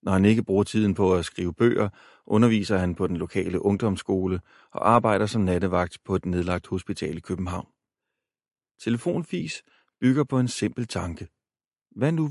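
A man narrating an audiobook in an even, measured way. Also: deep voice, gravelly, dry recording, studio quality. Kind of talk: scripted narration.

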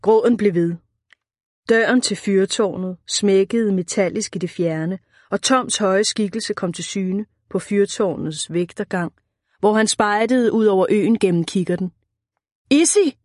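A woman narrating an audiobook at a measured, even pace, in a middle pitch for a woman. The recording is dry and close, with no room sound at all. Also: no room sound.

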